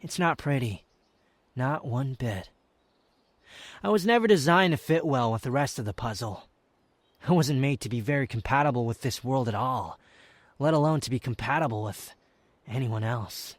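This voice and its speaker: In an intimate romantic ASMR roleplay, a man plays a proud, sardonic young wanderer, a lover who is guarded yet tender. His delivery is teasing, haughty, and dramatic, and his mood is guarded and somber. His mid-range, natural voice moves at a moderate pace with long pauses, and there's no room sound.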